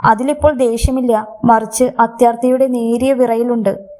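A woman narrating a scripted story in a steady, measured reading. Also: a little high.

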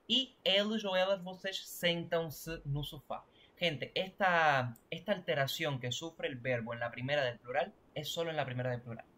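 A man's voice: medium pitch, fairly bright tone, a little hiss or hum. A man teaching a language class online, explaining grammar and often checking that students follow. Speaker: Portuguese teacher.

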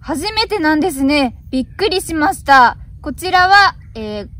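A woman in her twenties, an amateur radio operator, makes polite, formally worded radio contact calls outdoors on a hillside roadside. Her high-pitched voice is animated, bright, and forceful, at normal speed.

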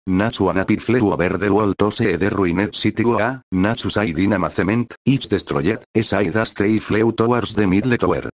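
A man reading fan fiction aloud in an even, unhurried narrating voice. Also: fairly low pitch.

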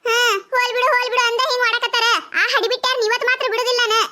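A woman voicing a loud, quarrelsome young village wife in a cartoon, ranting and scolding in a North Karnataka Kannada accent. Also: flat delivery, racing, noisy background. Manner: shrill scolding rant. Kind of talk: cartoon voice acting.

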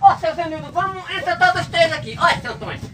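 A performer voicing a boastful, superstitious rural old man in a comedy sketch, calling out excitedly, recorded from a distance. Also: extremely high pitch, quick pace, heavily acted. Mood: eager. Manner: excited, boastful, calls out names. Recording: far from mic, background noise.

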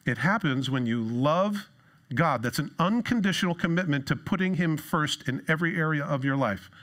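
A middle-aged man preaching from a church stage, lively and sarcastic, jumping into a higher voice when he quotes someone. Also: moderate pace. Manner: lively, jumps into a high voice for quoted lines. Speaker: pastor. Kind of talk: sermon.

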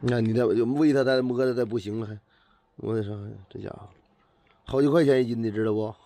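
A man's voice: medium pitch, steady tone, brisk, mellow. A man with a Northeastern Chinese accent chatting casually and playfully outdoors while filming on a phone. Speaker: pet vlogger filming cats. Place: outdoors at a house doorway.

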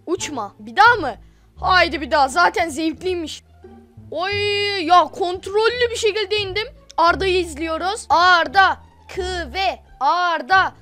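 A woman giving excitable, slangy running commentary while playing a game for her channel. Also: extremely high pitch, measured pace, soft background music. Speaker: gaming video host. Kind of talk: excited Roblox gameplay commentary.

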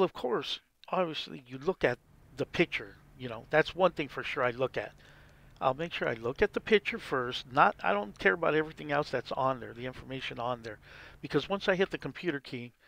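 Gravelly man narrating his gameplay. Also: on the high side. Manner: relaxed, rambling, explains as he plays. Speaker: gameplay video host. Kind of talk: casual game commentary.

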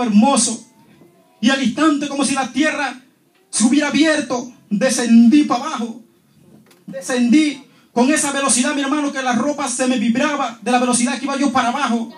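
A man giving a fervent testimony in church, repeatedly addressing the congregation as his holy brothers. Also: very high voice. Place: church hall. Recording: echoey church hall.

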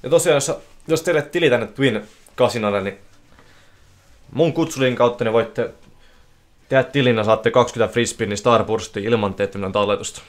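A man streaming casino slot games live, giving excitable running commentary that bursts into yelling at big wins. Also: medium pitch, long pauses. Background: faint music playing.

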